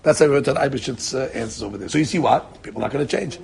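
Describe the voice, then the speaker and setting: A middle-aged man teaching a Talmud class in an animated way, repeating words and acting out the people he quotes. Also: mid-range voice, quick pace, vocal fry, a little hiss or hum. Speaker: Torah teacher.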